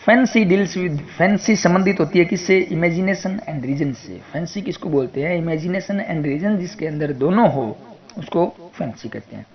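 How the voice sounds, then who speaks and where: A man with an Indian accent teaching English literature exam questions. He reads each question slowly in English and then explains it quickly in Hindi. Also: fairly high pitch, animated, dull audio. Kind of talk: exam prep lecture.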